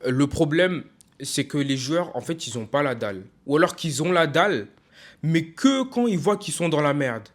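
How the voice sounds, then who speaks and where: A young man from France vents in a casual video rant, his voice sitting slightly high. He talks in an emphatic, frustrated way, stumbling over fillers and restarting his sentences. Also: animated, moderate pace. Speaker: football vlogger.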